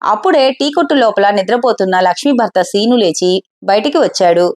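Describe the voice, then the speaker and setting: A woman storyteller narrating a scripted family story at a steady pace. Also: medium pitch, brisk.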